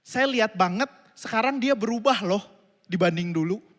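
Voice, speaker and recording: Man, pastor, high voice, lively sermon, long church reverb. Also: normal speed. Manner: animated, acts out family dialogue, addresses congregation as Saudara. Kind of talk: sermon with storytelling. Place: church auditorium. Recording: reverberant hall.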